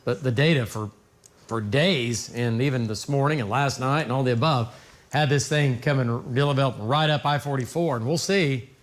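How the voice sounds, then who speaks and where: A man's voice: mid-range voice, moderate pace. An American man anchoring live severe weather coverage off the cuff, folksy and emphatic, repeating phrases for stress. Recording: noticeable background noise.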